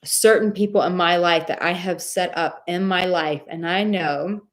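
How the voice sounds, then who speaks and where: Hosting a live advice stream, a woman of Czech heritage reads out viewers' comments and chats with them warmly and affectionately, using lots of casual filler words. Her soothing voice is slightly low, with fairly even intonation and a moderate pace.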